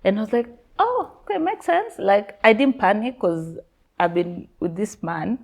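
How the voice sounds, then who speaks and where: A woman's voice: mid-range voice, animated, normal speed, vocal fry, a little mellow. A Kenyan woman in her thirties, a podcast guest candidly telling her life story, laughing often and mixing Swahili slang into her English. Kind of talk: personal storytelling interview.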